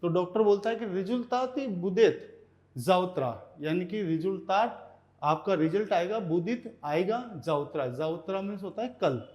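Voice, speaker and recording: A man teaching Russian vocabulary in Hindi, repeating each word slowly and checking in with "okay" as he goes. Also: sits high, lively intonation, darkish tone. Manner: repeats words slowly, often says "ठीक है". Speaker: language teacher.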